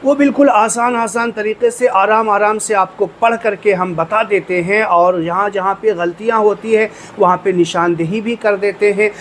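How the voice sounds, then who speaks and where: A man teaching recitation in a lesson, patient and repeating phrases slowly and drawn out for learners. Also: sits high, fairly even intonation, a bit bright, slight background noise. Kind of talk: instructional lesson with slow recitation.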